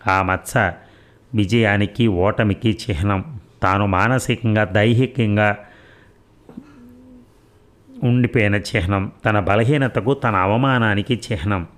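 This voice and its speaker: A man narrating a short story in a slow, deliberate reading voice with dramatic pauses. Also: fairly low pitch.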